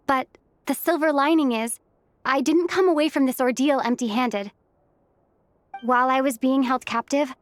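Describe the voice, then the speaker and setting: A woman playing a gentle, soft-spoken young woman with a high voice, recorded close and dry. She speaks in a composed, soft way. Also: no echo, natural voice. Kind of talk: video game voice acting.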